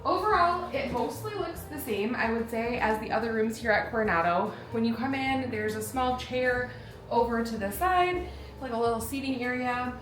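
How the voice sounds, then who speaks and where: A woman's voice: on the high side, animated, moderate pace, a bit bright, roomy sound, faint music behind. A woman hosting a travel vlog, chatting in an upbeat way and giving a descriptive room tour. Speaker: vlog host.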